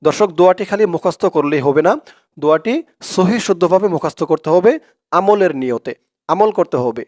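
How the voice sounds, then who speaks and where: A man's voice: high voice, expressive, darkish tone, no echo, clean studio sound. A man with a Bangladeshi accent teaching an Arabic prayer, spelling it letter by letter and stretching out each recited word. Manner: slow, drawn-out recitation of each word, then plain explanation. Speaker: Quran and dua teacher.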